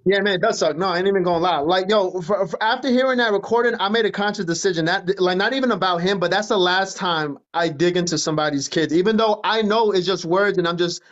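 A high-voiced man with a New Jersey accent rants casually on a livestream. He is emphatic and likes to repeat his points. The phone audio is slightly dull and lo-fi. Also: fast talker, hardly any pauses, fairly bright tone. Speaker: livestream host. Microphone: phone at arm's length.

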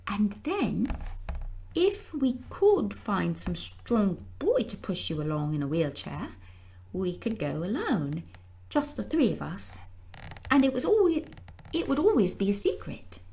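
A woman reading aloud and voicing a curious, determined young girl, with a bright, eager manner. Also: mid-range voice, sing-song, measured pace, pitched above the performer's own voice. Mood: conspiratorial.

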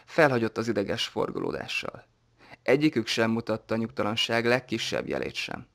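A man narrating an audiobook in a steady, even reading voice. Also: fairly low pitch, creaky.

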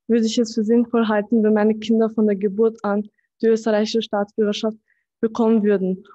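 Eighteen-year-old woman, flat even delivery, soft mellow tone, reading a statement at a podium mic, slightly dull sound. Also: fairly high pitch. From Austria. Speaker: student speaker at a press conference. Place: conference room with banner. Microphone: podium microphone.

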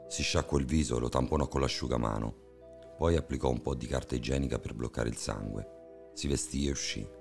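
A man reads a horror story aloud in a measured, somber voice. His voice is very deep and gravelly, with a dark, mellow tone. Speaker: narrator. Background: faint music.

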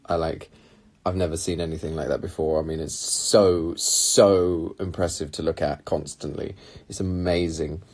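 Speaking at normal speed with hardly a pause, a young English man has a rumbling low, darkish voice and fairly even intonation. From a red sofa in a small room, he runs a casual phone livestream held at arm's length, chatting animatedly and reading out viewers' questions and comments.

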